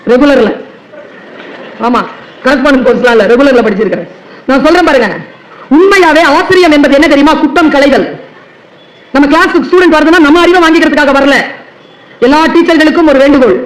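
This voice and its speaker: Woman teacher on stage, high voice, animated storyteller, hall echo. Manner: lively storytelling, speaks straight to the crowd. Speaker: teacher giving a public talk. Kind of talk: public speech at a book fair. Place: large hall at a book fair.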